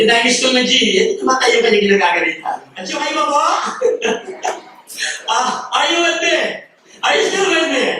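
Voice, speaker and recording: A Filipino man preaches a sermon in a fairly high voice, telling a story and playing its characters in switched Tagalog and English. He sounds far from the mic, in a very echoey hall with a faint hiss behind him. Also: a bit bright. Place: church hall.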